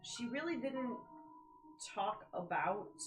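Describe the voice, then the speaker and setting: A woman's voice: fairly high pitch, lively intonation, slow pace, over music. A woman chatting casually as she plays a tabletop game. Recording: noisy group mic with clicks.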